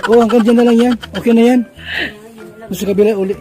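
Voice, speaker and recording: Man, very high voice, coaxing questions, casual vlog chat. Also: steady tone, fast talker, music in the background, rough recording. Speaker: relative filming and calming grandmother.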